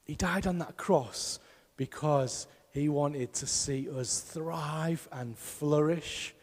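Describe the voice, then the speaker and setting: A man's voice: fairly high pitch, takes it slowly, big-room sound. A man preaching a sermon as pastor, emphatic and putting rhetorical questions to his congregation. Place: church hall.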